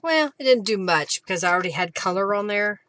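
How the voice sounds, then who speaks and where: Brisk and animated, a woman with a fairly bright, mid-range voice hosts a craft livestream over a slight hiss or hum. She informally walks through each step, thinking aloud to herself and her audience as she works.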